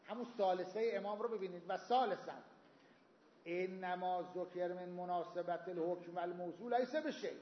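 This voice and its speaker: A man with a high voice gives a seminary lecture, walking through legal reasoning with everyday examples and Arabic quotations. The sound is echoey, as in a hall, with a long reverb tail. The recording is slightly dull and lo-fi. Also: slight background noise. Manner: explains with everyday examples, quotes Arabic texts. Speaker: seminary teacher. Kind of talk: Islamic jurisprudence lecture.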